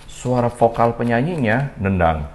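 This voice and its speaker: A man's voice: medium pitch, lively intonation, a little slow, darkish tone, slight background noise. A man hosting a casual chat, reacting with enthusiastic, slangy interjections. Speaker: host.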